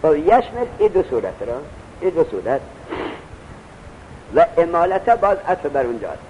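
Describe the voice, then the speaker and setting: A man's voice: a little high, darkish tone, slight background noise, poor audio. A male teacher giving a classroom lecture, repeating each point and answering his own questions. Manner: asks questions and answers them himself.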